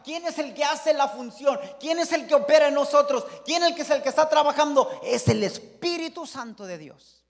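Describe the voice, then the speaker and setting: A man preaching a fervent Pentecostal sermon, swinging between shouts and hushed storytelling. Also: very high-pitched, normal speed, gravelly, long reverb tail. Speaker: pastor.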